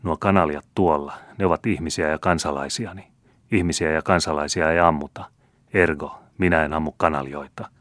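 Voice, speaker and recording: A man's voice: very deep voice, fairly even intonation, fairly bright tone, dry recording, clean studio sound. A man voicing a timid, reluctant young male student in a storybook reading. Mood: reasoning.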